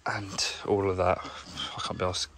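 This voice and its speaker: A young man with a low, gravelly voice chats in a flat, offhand ramble. He sounds like a tradesman filming himself on a handheld phone while sorting his van. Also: moderate pace, a little hiss or hum. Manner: chatty, rambling, low-key. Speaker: plumber vlogger. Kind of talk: casual vlog narration while working. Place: inside a work van, outdoors nearby. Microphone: handheld phone camera.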